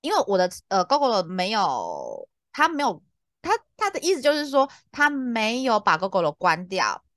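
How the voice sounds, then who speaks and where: 活泼激动的台湾女主持人. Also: female voice, normal speed, dry recording, studio quality. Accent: Taiwanese Mandarin. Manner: exasperated, lively, laughs often, big pitch jumps. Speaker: podcast co-host. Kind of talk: casual chat, animated storytelling.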